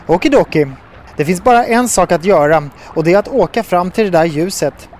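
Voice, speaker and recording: A man's voice: sits high, a little hiss or hum, close to an everyday voice. A man voicing a cheerful, decisive young woman who can fly, in a storybook reading. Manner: bright and decisive.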